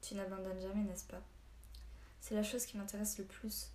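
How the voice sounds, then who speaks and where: A woman's voice: mid-range voice, flat delivery, moderate pace, mellow, close to an everyday voice. Maugris, a woman reading a stern old hermit. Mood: grave. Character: old male hermit storyteller, stern and short-tempered. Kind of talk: audiobook reading. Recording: echoey room, faint hiss.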